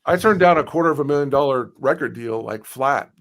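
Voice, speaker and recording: A man's voice: medium pitch, fairly quick. A man chatting casually on a stream, emphatic, swearing and repeating himself for stress. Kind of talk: casual group chat on a stream.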